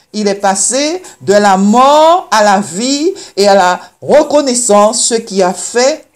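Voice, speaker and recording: A woman preacher delivering a sermon, reading scripture and exhorting the listener with slow, emphatic phrasing. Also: a little high.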